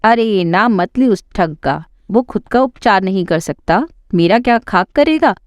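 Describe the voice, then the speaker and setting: A woman's voice: mid-range voice, expressive, measured pace, dry recording, studio quality, lightly acted. A woman voicing a quarrelsome, scornful older mother-in-law who taunts and scolds. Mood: scolding.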